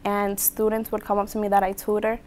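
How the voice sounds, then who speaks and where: Woman from the Dominican Republic, tutor and student, plainspoken, level even delivery. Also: medium pitch, brisk, slight background noise. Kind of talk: interview testimonial.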